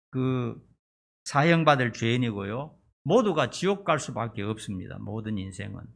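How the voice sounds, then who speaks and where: A man's voice: fairly high pitch, creaky, a bit bright. A middle-aged man preaching a sermon as pastor, retelling the story dramatically. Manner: dramatic storytelling, acting out scenes.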